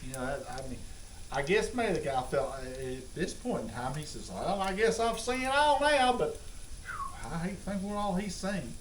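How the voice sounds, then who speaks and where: Telling comic anecdotes and chatting casually on a home cooking vlog, a middle-aged man with a Southern US accent rambles in a folksy, exaggerating way. His fairly high voice has lively intonation and normal speed, while a distant mic captures a roomy, noisy home kitchen with food sizzling.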